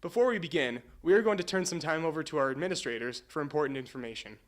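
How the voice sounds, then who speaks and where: A man reads the school's morning announcements over the intercom. His voice sits fairly high and comes through at a distance from the mic. He delivers a steady announcement read. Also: fast talker.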